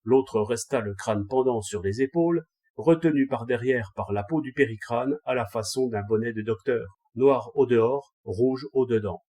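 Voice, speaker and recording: Brief: male audiobook reader, mellow and husky, steady storybook narration. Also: medium pitch, moderate pace. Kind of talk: scripted narration of a classic text.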